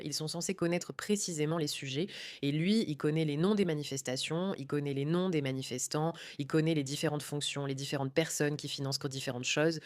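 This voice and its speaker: A woman with a notably low voice hosts a commentary segment. She delivers each point emphatically, with a steady indignant edge. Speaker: commentary show host. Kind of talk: opinionated political commentary.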